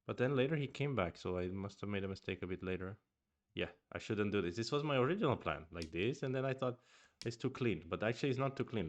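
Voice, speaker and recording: Reviewing his own games of go on a stream, a native Swedish speaker chats casually and thinks out loud, murmuring asides and restarting sentences. He speaks in a low voice, with slight background noise present.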